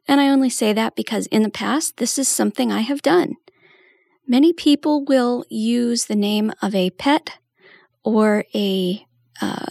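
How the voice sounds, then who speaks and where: A woman's voice: a little high, vocal fry, darkish tone, no echo, clean studio sound. A woman giving a patient, step-by-step tutorial walkthrough as a trainer. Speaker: assistive technology trainer.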